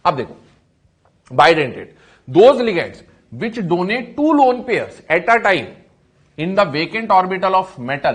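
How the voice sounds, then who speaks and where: A male teacher giving a chemistry lecture, asking questions and answering them himself, repeating key terms and calling his students "beta". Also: high voice. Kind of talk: classroom lecture.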